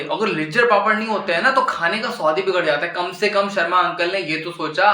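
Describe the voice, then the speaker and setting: Gossipy young man, bright voice, echoey room. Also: high-pitched. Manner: gossipy, whiny, complaining. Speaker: comedian. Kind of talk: comic monologue to his mother.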